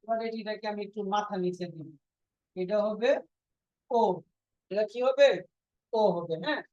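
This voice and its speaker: A woman's voice: medium pitch, expressive, unhurried, mellow, no echo. Woman teacher drilling a class. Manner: drills students with repeated quiz questions. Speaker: language teacher. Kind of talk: classroom lesson. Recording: dull lo-fi dry recording.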